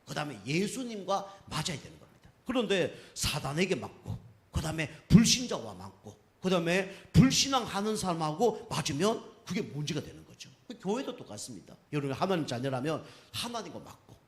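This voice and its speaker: Middle-aged male pastor, sermon delivery, lively pitch, a bit high, emphatic, keeps checking in with the congregation. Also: brisk. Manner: frequent rhetorical tag questions to the congregation; emphatic, rising on key phrases.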